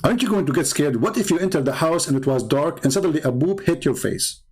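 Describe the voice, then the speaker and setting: A little high-pitched, husky and darkish, his delivery is animated and quick. The speaker, a Middle Eastern native Arabic speaker with an Arabic accent, hosts an informal live stream as a religious apologist, sarcastic and mocking, with phrases repeated for emphasis.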